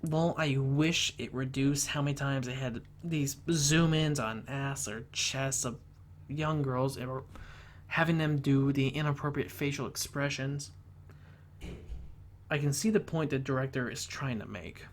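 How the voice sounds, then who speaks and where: A man reviewing a film, talking earnestly and haltingly, often restarting his sentences. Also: mid-range voice, a little hiss or hum.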